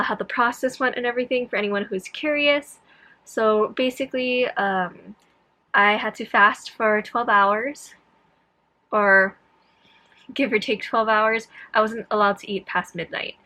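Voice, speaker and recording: Young woman, casual vlog chat, very bright forward tone, sore throat after tonsil surgery, slightly effortful pronunciation, scattered delivery. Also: fairly high pitch, fairly even intonation, moderate pace. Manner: scattered, self-interrupting. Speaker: vlogger. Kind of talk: casual personal vlog, chatty recounting.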